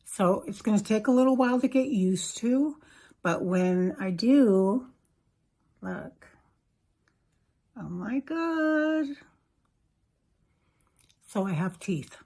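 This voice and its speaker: Husky woman with a slight lisp. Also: medium pitch, a little slow, mellow. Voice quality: slight lisp from new veneers. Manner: pleased, informal, reassuring. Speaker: product reviewer. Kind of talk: casual chat to camera.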